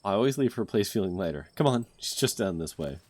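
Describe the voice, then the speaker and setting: A man voicing a bold, curious young woman who talks briskly and with determination in a game. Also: on the low side, sing-song, a little mellow, no room sound.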